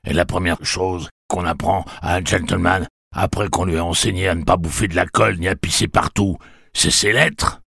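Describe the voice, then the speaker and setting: A man voicing a gruff, crude adult male pirate who bawls and mocks. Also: sits low, fairly even intonation, normal speed, no room sound, clean studio sound, pitched above the performer's own voice, heavily acted. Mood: mocking. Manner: loud, bawling, mocking and coarse.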